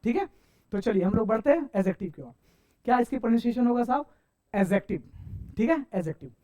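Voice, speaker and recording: Very high-pitched and very animated, this man's voice carries a warm tone as he runs an English grammar lesson. He asks his students questions, answers them himself, repeatedly addresses everyone as "sir" and "saahab," and stretches out his English example sentences slowly.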